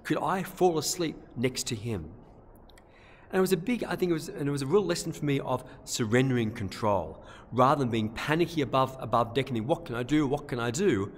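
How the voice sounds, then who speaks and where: A man, a priest giving a gentle, conversational homily in a church, often repeating himself. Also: medium pitch, fairly quick, a little hiss or hum. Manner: gentle, conversational, with frequent repetitions. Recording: long church reverb.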